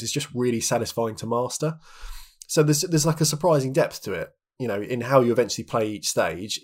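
Husky-voiced man chatting reflectively. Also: medium pitch. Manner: chatty, many restarts and "like" fillers. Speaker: podcast co-host. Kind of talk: reflective casual chat.

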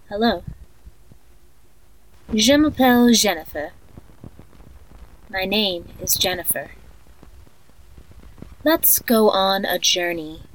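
A female performer plays an eerie woman narrating a guided sleep meditation in a horror audio story. She speaks very slowly and softly, like a sleep story narrator. Her mid-pitched delivery is soothing yet haunting. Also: rough recording.

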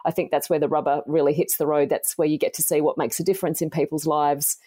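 An Australian woman in her forties, a podcast guest gently and earnestly telling her life story. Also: low-pitched, level tone, quick pace, husky.

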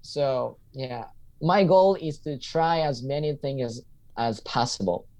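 A man's voice: mid-range voice, slow pace, darkish tone. A man in his thirties, a comedian and teacher, answering interview questions in a casual, thoughtful way and often restating a point while he hunts for the right words. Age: 30s. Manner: reflective, repeats himself while searching for words.

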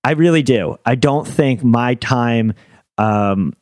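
A man's voice: medium pitch, slow pace, darkish tone, dry recording. Dry, self-mocking young man. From Philadelphia area. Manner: self-deprecating, dry joking. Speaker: stand-up comedian, podcast guest. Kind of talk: casual podcast chat.

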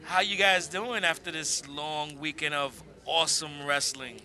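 A man's voice: fairly high pitch, fairly even intonation, unhurried, sharp tone. A man hosting a podcast, chatting casually in a joking manner. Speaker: podcast host. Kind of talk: casual chat.

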